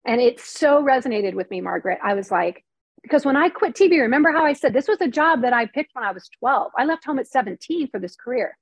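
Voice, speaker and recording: In a lively, high-sitting voice and at a fast clip, with no echo, a middle-aged novelist and former TV news reporter recounts a personal, emotional story during an interview. She talks candidly and earnestly, peppering everything with "like" and "you know" and dramatizing quotes as she goes.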